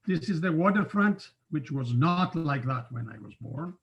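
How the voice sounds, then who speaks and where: A man in his seventies from Cyprus, giving an informal online talk from his home study over a video call, unhurried and conversational with frequent filler pauses. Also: on the high side, animated. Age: 70s. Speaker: guest scientist speaker. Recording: dull lo-fi video call audio.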